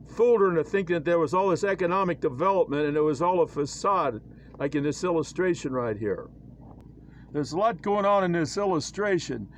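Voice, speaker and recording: A man with a somewhat high voice talks through his own drawings in a casual, halting way, full of fillers and restarts. His tone is preachy and wry. A faint hiss of ambient noise sits under the recording. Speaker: church critic presenting his own illustrations. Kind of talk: casual screen-share commentary.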